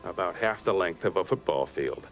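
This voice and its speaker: Man, low deep voice, American accent, oceanographer, nature documentary narration, faint music behind. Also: lively intonation, normal speed.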